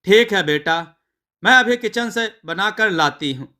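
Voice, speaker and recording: Male narrator as a simple, earnest village bride, light and bright-toned. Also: sits high, animated, measured pace, exaggerated voice. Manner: earnest, rustic village speech. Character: naive young village bride.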